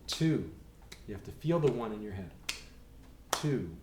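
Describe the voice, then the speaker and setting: A middle-aged man teaching a piano rhythm lesson, counting beats aloud in a calm, patient way. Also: fairly low pitch, a little slow. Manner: calm, patient, counts steadily and talks the class through exercises. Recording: echoey room with faint noise.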